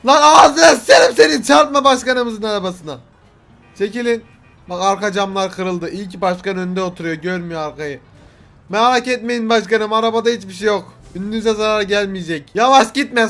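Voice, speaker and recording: A man giving comedic gameplay commentary, excitable and breaking into shouts as he role-plays a chauffeur speaking to his boss. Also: high voice. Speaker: gaming YouTuber.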